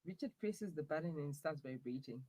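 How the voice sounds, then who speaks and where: A man's voice: on the high side, expressive, a little fast, mellow, no echo, rough recording. A man narrating the stage directions of a comic audio drama in a subdued, offhand way.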